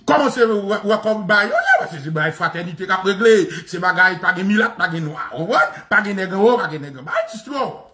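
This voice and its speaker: A Haitian man with a Haitian Creole accent delivers a mocking political monologue that keeps circling back on the same phrases. His voice sits high and rings bright and forceful. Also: fairly quick, few pauses. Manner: animated and mocking, repeats phrases, often laughing.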